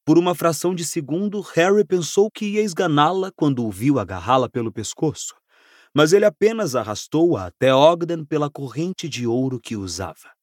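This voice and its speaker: A man narrating an audiobook with expressive, dramatic storytelling. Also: on the high side, moderate pace, dry recording, studio quality.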